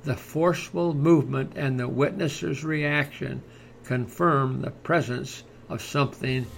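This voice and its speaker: A man reading scripted podcast narration in a measured, formal manner, like a nature documentary narrator. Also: mid-range voice, steady tone, creaky, a little hiss or hum, rough recording. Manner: measured, formal read-aloud delivery.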